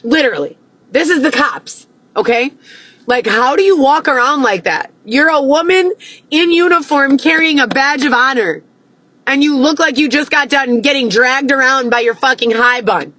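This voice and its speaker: A woman livestreaming a profane, agitated monologue that at times rises close to yelling. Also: high voice, moderate pace, dry recording. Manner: agitated, swearing, rising to near yelling.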